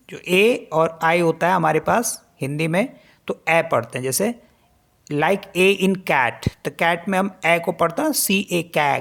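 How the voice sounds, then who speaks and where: Slow, low-voiced woman teaching French. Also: vocal fry. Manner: spells words letter by letter, repeats each pronunciation slowly; explains in Hindi mixed with English words. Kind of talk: spoken language lesson.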